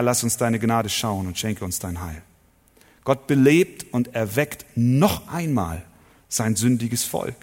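A man preaching a sermon to his congregation, emphatic, asking rhetorical questions and swinging between loud and soft. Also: medium pitch. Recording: long hall reverb.

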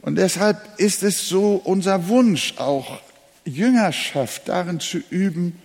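A man's voice: high-pitched, slow, darkish tone. A male pastor preaching a sermon, leaning hard on single words and repeating key phrases. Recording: long hall reverb.

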